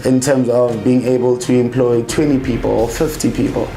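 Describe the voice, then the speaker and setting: A man's voice: medium pitch, little pitch movement, normal speed, over music. A South African man who owns a small business, introducing himself plainly and confidently in a documentary interview. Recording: echoey space with crowd noise.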